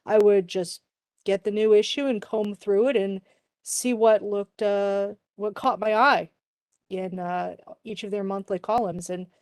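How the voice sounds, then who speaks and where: A woman's voice: mid-range voice, darkish tone, smooth, dry recording. A woman hosting a virtual club meeting, friendly and chatty, talking over a video call. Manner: friendly, chatty, says y'all.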